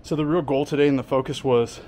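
Casual male fitness coach vlogging, winded, middle pitch. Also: fairly even intonation, fast talker, dark tone, a little hiss or hum. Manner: explains training plainly between efforts, with fillers. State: out of breath. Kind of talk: casual workout vlog talk. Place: home gym and outdoors in winter.

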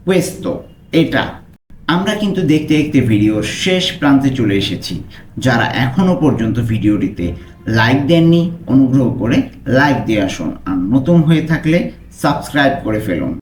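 A man tutoring a language lesson, repeating each phrase and stretching out the foreign words slowly. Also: mid-range voice, roomy sound, slight background noise.

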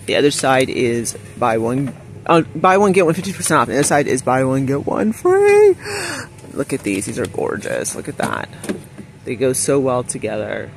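A man's voice: mid-range voice, huge pitch swings, moderate pace, gravelly, background noise. A man vlogging as he shops. He gushes over items and reads out prices and deals while walking a store aisle, filming on a handheld phone. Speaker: shopping vlogger. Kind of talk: shop-with-me vlog narration. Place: aisle of a discount store, indoors. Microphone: handheld phone camera.

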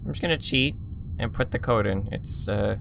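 A man giving casual, jumpy commentary while playing a horror game, mumbling, swearing, and shouting at the game. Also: fairly low pitch, moderate pace, gravelly. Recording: loud background noise.

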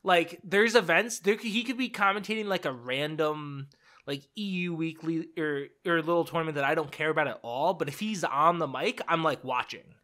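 A young man co-hosting a casual podcast chat, excitable and rambling with lots of fillers. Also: on the high side, moderate pace. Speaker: podcast co-host.

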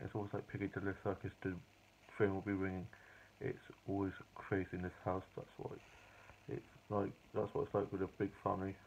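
A young British man chatting casually and quietly at home in the evening, rambling through his day for a diary vlog, filmed on a phone at arm's length. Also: lowish voice, vocal fry, highs cut off, a little hiss or hum. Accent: British English. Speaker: vlogger. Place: hallway home office, indoors at night. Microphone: phone or webcam at arm's length.

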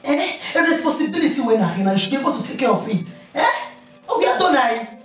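A woman's voice: high voice, expressive, quick pace. Lady playing insistent nigerian wife, fed up, distant roomy audio with music under it. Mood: arguing. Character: blunt wife, fed up with her husband. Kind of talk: Nollywood film dialogue. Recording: echoey room from far off with music.

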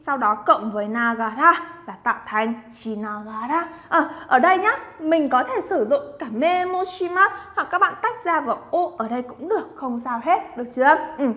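A bright, high-voiced woman from Vietnam teaches Japanese vocabulary. She chats encouragingly and draws words out slowly so listeners can repeat them. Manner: chatty and encouraging, drawn-out repetition of Japanese words. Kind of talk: lively vocabulary lesson.

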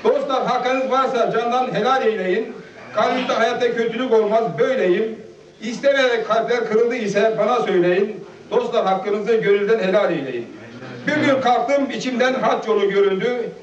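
A man in his fifties giving a halting, nervous speech at a gathering and reciting a heartfelt poem. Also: very high voice. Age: 50s. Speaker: guest speaker at a farewell gathering. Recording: echoey, distant, dull lo-fi home video.

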